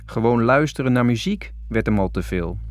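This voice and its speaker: A man presenting a science podcast in scripted narration, explaining ideas clearly. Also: mid-range voice, expressive, normal speed, a little hiss or hum.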